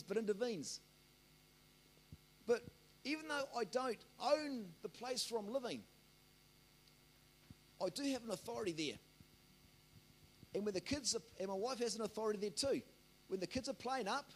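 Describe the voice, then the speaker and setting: A man's voice: high-pitched, lively intonation, moderate pace, pauses often. A man preaching a sermon as the pastor, repeating himself and calling out to the congregation for amens. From Australia. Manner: rambling, repeats words, asks the congregation for amens.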